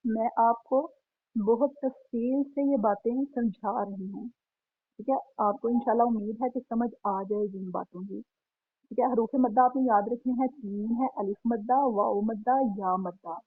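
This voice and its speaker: A fairly high, husky woman's voice, explaining tajweed rules step by step. She checks for understanding again and again and slows right down to stretch out the example sounds. The audio is dry and thin, like a phone line. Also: steady tone, no echo. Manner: patient, repeats points and asks "ठीक है"; stretches out sample syllables slowly. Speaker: Quran recitation teacher. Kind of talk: online tajweed lesson.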